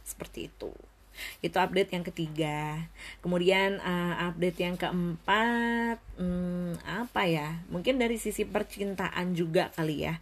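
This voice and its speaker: A young woman talking casually to her viewers in a reflective vlog, often dropping English phrases into her speech and pausing to think. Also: lowish voice. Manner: thoughtful, pauses with many fillers. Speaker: vlogger.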